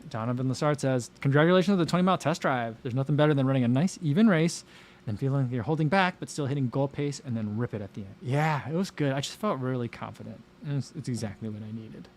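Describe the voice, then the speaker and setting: A man's voice: medium pitch, expressive, quick pace, a little mellow. A man hosting a casual livestream, reading viewer comments aloud and rambling with fillers and frequent laughs. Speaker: running channel host. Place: home livestream.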